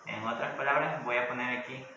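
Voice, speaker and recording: A male English teacher delivers a brisk grammar lesson in class, going step by step and often checking understanding with questions. His mid-range voice is steady, pushed and bright, though the audio is dull, and the recording has an echoey room with faint noise.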